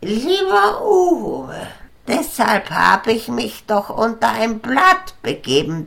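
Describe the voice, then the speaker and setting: A woman's voice: mid-range voice, gravelly, exaggerated voice. A woman voicing a moody female frog with a headache who groans and quacks between her sentences in a children's audio story. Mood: scolding.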